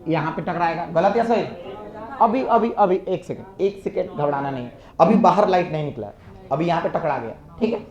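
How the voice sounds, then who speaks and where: A man's voice: a little high, fairly quick, darkish tone. A man teaching physics in a classroom, coaxing students with repeated questions. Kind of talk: classroom lecture. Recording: echoey room, dull lo-fi sound.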